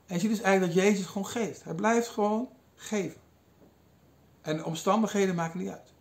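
A man with a high voice delivers a sermon as a retold story. He quotes the figures with lively changes in his delivery and pauses now and then with small hesitations. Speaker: preacher. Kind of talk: sermon retelling a Bible passage.

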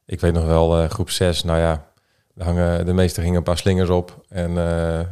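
A Dutch man, a pastor's son, telling childhood stories in a casual talk, with many pauses and fillers. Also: deep voice, monotone, dark tone, clean tone. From Netherlands. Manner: hesitant, filler-heavy storytelling. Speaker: guest. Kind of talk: casual podcast conversation.

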